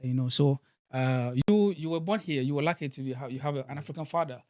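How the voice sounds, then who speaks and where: A man's voice: medium pitch, quick pace, a little mellow, no room sound, studio quality. A man hosting a casual panel discussion, who often repeats words and leans on fillers. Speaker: podcast host. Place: in Germany.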